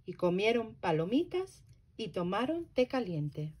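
A woman working as a library storyteller, reading a children's story aloud slowly and very expressively. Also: mid-range voice, big pitch swings, a little mellow, slight background noise.

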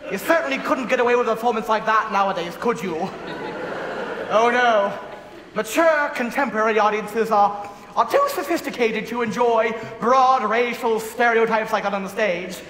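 A man's voice: extremely high pitch, moderate pace. A man playing a wry, fussy theatre lover giving an arch comic monologue to an audience. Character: wry, fussy theatre-loving male narrator in cardigan. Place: large theatre stage, filmed from the audience. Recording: echoey theatre, audience noise.

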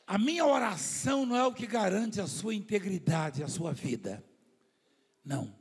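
Male preacher from Brazil, high and husky voice; slow emphatic sermon with soft asides, in a church hall with long reverb. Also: animated. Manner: acts out the voices of people in his stories. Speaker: apostle preaching to his church.

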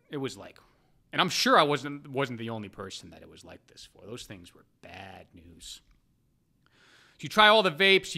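A man telling a casual, profane story about his own habits, swinging between loud animated bursts and low muttered asides. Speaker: poker player vlogger.

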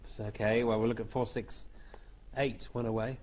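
A man's voice: lowish voice, level tone, normal speed, a little mellow, slight background noise. A man hosting a television quiz show in a chatty, jovial way, announcing scores and passing between contestants.

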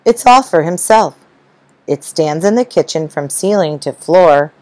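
Slow, gentle woman reading a children's rhyme. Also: low-pitched, animated, dry recording, poor audio. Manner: slow, rhythmic, gentle storytelling. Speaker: storyteller.

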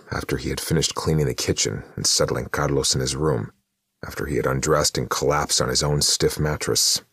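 A man narrating an audiobook in a measured storytelling manner. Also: a bass voice, gravelly, a bit bright, husky, no room sound, clean studio sound. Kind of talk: scripted narration.

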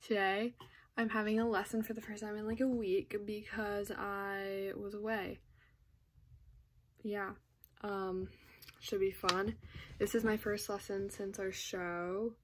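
A teenage girl vlogging into a phone at arm's length at a horse barn, chatting casually with lots of ums and restarts. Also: medium pitch. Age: teens. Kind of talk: casual vlog chat. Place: horse barn and outdoor pasture. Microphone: phone held at arm's length. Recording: loud background noise from a barn.

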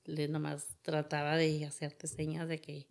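Woman, deep voice, vocal fry, podcast guest, personal storytelling. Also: monotone, measured pace, a little mellow. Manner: retells events with much reported dialogue.

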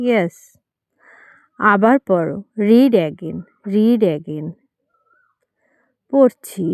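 Slow, clear woman drilling phrases. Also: medium pitch, no room sound, studio quality. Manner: reads each line in Bengali, then repeats it slowly in English. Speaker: English teacher.

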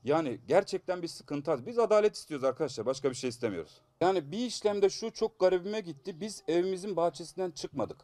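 Talking fast and barely pausing, a man in his thirties with a stuffed-up nose tells a news interviewer about being assaulted, sounding aggrieved, urgent and pleading. His voice sits high but has a dark tone, expressive, with no echo.

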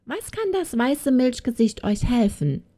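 A woman voicing a greedy, flattering old witch with a cooing, sing-song voice. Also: on the high side, a little slow, pitched above the performer's own voice.

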